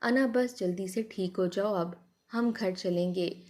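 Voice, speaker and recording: A woman's voice: mid-range voice, takes it slowly, darkish tone. A woman voicing a grief-stricken young husband who pleads emotionally in a spoken love story. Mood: playful.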